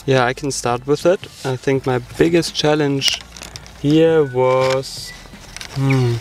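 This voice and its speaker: A young man from Germany, a native German speaker, talking in a thoughtful, measured way about volunteering. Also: medium pitch, fairly even intonation, vocal fry, over music. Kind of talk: casual group chat.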